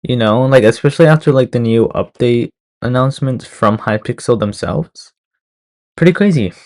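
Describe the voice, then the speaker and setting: A man's voice: medium pitch, moderate pace, a little mellow. A young man giving casual reaction commentary over a video, rambling with lots of fillers and restarts. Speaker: reaction streamer.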